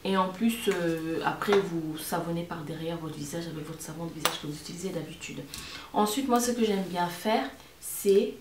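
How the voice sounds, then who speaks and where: A woman's voice: on the low side, normal speed. A woman giving a casual product review to camera as a beauty vlogger, repeating words and phrases for emphasis. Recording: roomy echo, distant mic, faint noise.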